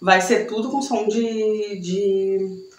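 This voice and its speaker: A woman's voice: mid-range voice, steady tone, slow pace. Young Brazilian woman, language teacher, chatty and friendly, mid-range voice, recorded in an echoey room. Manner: chatty, tag questions after each point. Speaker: Spanish teacher. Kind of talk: online language lesson.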